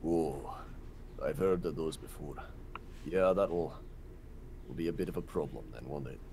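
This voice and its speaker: A man voicing a solemn middle-aged dwarf high cleric who speaks in a grave, measured way. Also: creaky, mellow, slight background noise.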